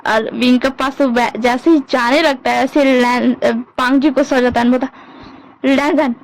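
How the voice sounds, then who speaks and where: A woman casually retells a story in a chatty way, leaning on fillers as she links each scene. Her voice sits high. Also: fairly even intonation, normal speed, poor audio.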